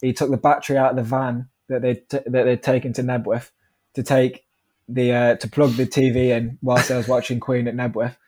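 A man's voice: mid-range voice, little pitch movement, a little fast, a little mellow. A British man in his twenties chatting casually as an interview guest, informal and laid-back. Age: 20s. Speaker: podcast guest, professional cyclist. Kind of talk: casual chat.

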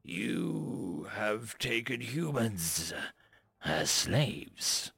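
Man playing a calm, dignified human envoy. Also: medium pitch, creaky, breathy edge, no echo, exaggerated voice. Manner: calm, measured, slow.

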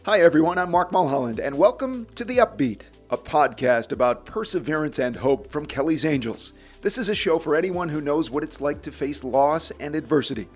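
A male podcast host delivers a scripted introduction in a fairly high-pitched voice. Music plays behind him. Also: lively intonation, a little fast, few pauses.

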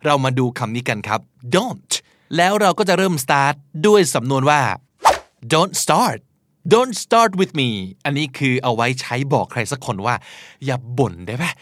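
A man teaching English expressions in a lively lesson, switching between explanation and acted example lines. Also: fairly high pitch, a little slow.

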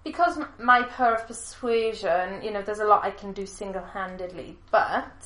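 A woman's voice: mid-range voice, normal speed, bright, forceful tone. Chatty woman in an echoey room. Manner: chatty, laughs often. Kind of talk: casual chat.

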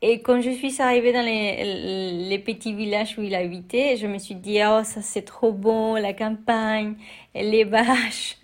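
Mexican woman, young adult, unhurried and halting, Spanish accent, interview guest. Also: mid-range voice, fairly even intonation. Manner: hesitant, many fillers and restarts. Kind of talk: interview testimony.

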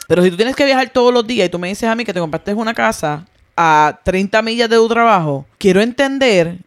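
A woman's voice: a little high, lively intonation, normal speed. A woman co-hosting a podcast in casual chat, who talks through examples and questions things. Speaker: podcast co-host.

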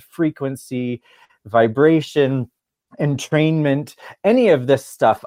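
A man's voice: medium pitch, a little mellow, no echo, clean studio sound. Chatty man from Michigan. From Michigan, USA. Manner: chatty, laughs often, acts out quoted voices. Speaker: guest, therapist and musician. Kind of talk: casual storytelling interview.

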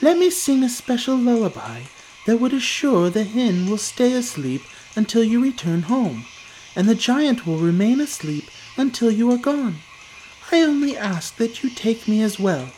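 A storyteller voicing a gentle, sweet-voiced magical golden harp with a female character in a children's story. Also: medium pitch, very animated, normal speed, a little hiss or hum, voice pushed up, natural voice, low-quality recording. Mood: pleading.

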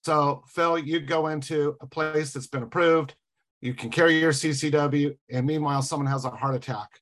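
A man's voice: a little high, fairly even intonation, moderate pace, a bit bright. A man on a talk show, explaining rules in a casual way with some sarcasm. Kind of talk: casual chat.

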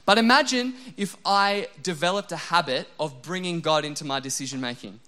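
Animated, emotional male preacher. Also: a little fast. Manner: animated, self-deprecating, often drops to a soft low voice for prayers. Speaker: pastor. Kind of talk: sermon.

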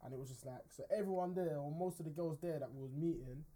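A man's voice: on the high side, fast, warm tone. A man, chatting as a podcast co-host and telling a story full of slang. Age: 20s. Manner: storytelling, slangy, keeps asking "do you understand". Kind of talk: casual chat. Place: studio.

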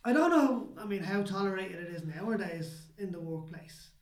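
An Irish podcast co-host tells stories in a chatty way during a casual chat, often tagging his lines with "right?". His voice sits high with lively intonation at a moderate pace, recorded at low quality in an echoey room.

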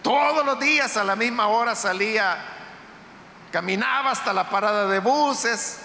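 A man with a very high, sharp, bright voice preaches a sermon in a church, retelling a story in a conversational, unhurried way. The sound is roomy, with long reverb from the hall and a faint hum of ambience behind him. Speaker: pastor. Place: church sanctuary.

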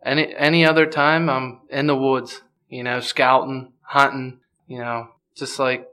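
A man's voice: medium pitch, flat delivery, measured pace, sharp tone. A man from Pennsylvania, a guest on a podcast, chatting casually and easily with many fillers. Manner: easygoing, many "you know" fillers. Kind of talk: casual chat.

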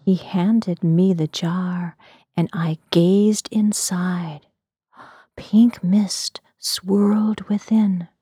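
A woman narrating a fantasy story in a soft, unvoiced whisper for ASMR. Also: fairly low pitch, steady tone, drawn-out words, slightly rough, no room sound, studio quality.

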